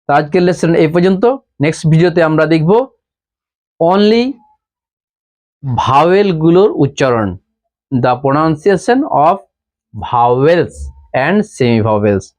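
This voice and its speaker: A man with a Bengali accent teaches English pronunciation in a slow, patient way. He says each rule twice and follows it with examples. His voice sits a little high. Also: expressive, darkish tone. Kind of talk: pronunciation lesson.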